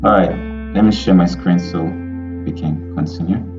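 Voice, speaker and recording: A male web development instructor teaching a live online lesson over a group voice call, talking in a halting way with many fillers and restarts. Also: low-pitched, fairly even intonation, dull audio, music in the background. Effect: heard over an online group voice call.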